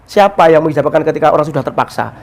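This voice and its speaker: High-voiced man telling a religious story. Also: rapid-fire. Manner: storytelling, mixes Arabic quotes with explanation, animated. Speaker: religious teacher. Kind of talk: casual religious discussion.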